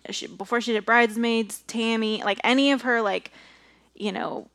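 A woman's voice: fairly high pitch, steady tone, moderate pace, a bit bright, no room sound. A young woman co-hosting a casual movie review podcast, chatty, with frequent laughs and fillers. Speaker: podcast co-host.

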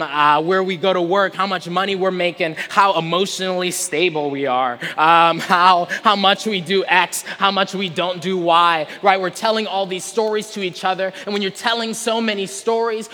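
Preaching in a conversational style, this man is earnest and rhetorical and keeps checking in with the people listening. His voice is high and fairly bright, heard in a reverberant hall with a long echo.

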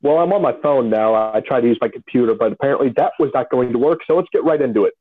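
A man's voice: expressive, fast. A man calling in to a live chat show over a muffled, tinny phone line, laying out numbered points decisively. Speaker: caller. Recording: tinny low-quality phone call.

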